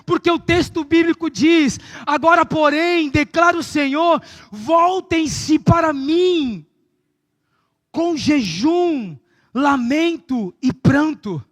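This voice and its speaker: A fervent male pastor with a Brazilian Portuguese accent and a very high-pitched voice, preaching with drawn-out, shouted lines. The recording is dry and close, with no room sound. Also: lively intonation, dry recording. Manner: preaching fervently, stretching words and shouting for emphasis. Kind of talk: sermon.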